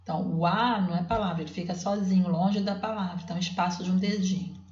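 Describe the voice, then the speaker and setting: A woman teacher with a lowish voice walks through her classroom method step by step, stretching out syllables patiently. The recording is dull and roomy, as if made at home with a basic device. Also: fairly even intonation, a little mellow. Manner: patient, explanatory, spells out syllables slowly. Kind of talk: explaining classroom literacy work.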